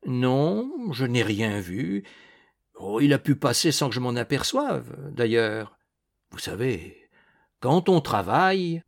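A man voicing a young male farmhand who talks slowly and turns bitter and indignant. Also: medium pitch, sing-song, voice pushed up. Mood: defiant. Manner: slow, then bitter and indignant. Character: young male farmhand, slow-spoken and defiant.

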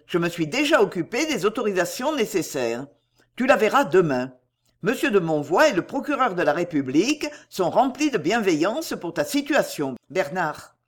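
A reader voicing a calm, practical man who steadies his friend with firm, level-headed words, in a storybook reading. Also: mid-range voice.

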